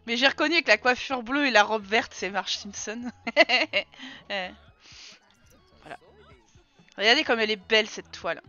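Bright high-voiced woman streamer. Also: normal speed, pauses often. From France. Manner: chatty, teasing, talks to her game characters. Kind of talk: casual gameplay commentary. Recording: dull lo-fi sound with game music behind.

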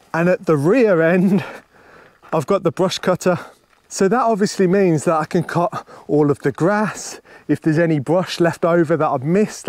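A man's voice: a little high, darkish tone, no room sound. Upbeat young man vlogging outdoors. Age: young adult. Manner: upbeat and chatty, talking while walking around his land. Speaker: homestead vlogger. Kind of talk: casual vlog to camera. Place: outdoors on rural land. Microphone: camera held at arm's length.

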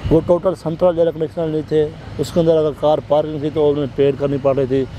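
A man's voice: fairly high pitch, mellow, highs cut off, slight background noise. A man in his thirties with a Pakistani Urdu accent, a real estate agent steadily explaining a project's prices and figures, seated outdoors on a park bench. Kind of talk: informational property walkthrough.

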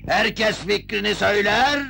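A laughing village hero with a strongly gravelly, bright voice, speaking slowly. He jokes and talks in playful rhymes over faint outdoor ambience. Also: sits high, a little hiss or hum, exaggerated voice. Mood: jovial. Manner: joking, laughing, rhyming speech.

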